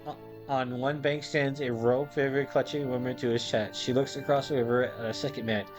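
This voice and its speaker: A man hosting a let's play reads the game's descriptions aloud, tired and stumbling a bit as he goes. His pitch sits in an ordinary middle range. Faint game music runs underneath. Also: fairly even intonation. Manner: unhurried reading with hesitations. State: tired, yawning. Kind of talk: reading game text aloud while playing.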